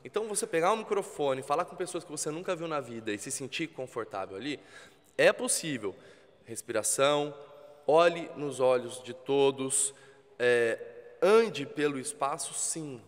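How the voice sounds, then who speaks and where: A man with a Brazilian Portuguese accent, a TV presenter guesting on a podcast, explaining in a calm, coaching way. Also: medium pitch, moderate pace, long reverb tail. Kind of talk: casual interview talk. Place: podcast studio with spotlights.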